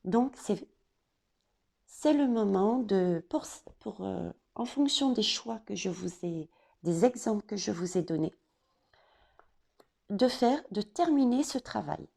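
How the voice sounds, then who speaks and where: A woman giving an oracle card reading, talking straight to the viewer and pausing often on fillers. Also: mid-range voice, vocal fry, dark tone. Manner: hesitant, many fillers and restarts, addresses viewers directly. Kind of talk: casual spoken card reading.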